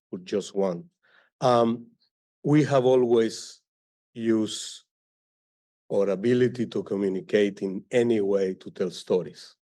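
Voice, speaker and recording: A man speaking as an author on a live library panel, halting and searching for words as he talks. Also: mid-range voice, warm tone. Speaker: author on a panel, also teaches. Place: library event hall.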